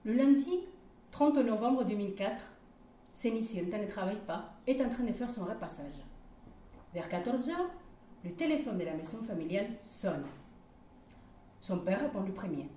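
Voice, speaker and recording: A woman telling a personal story aloud at a live event, lively and often pausing with hesitations. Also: mid-range voice. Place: community hall. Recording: roomy hall, distant mic, faint noise.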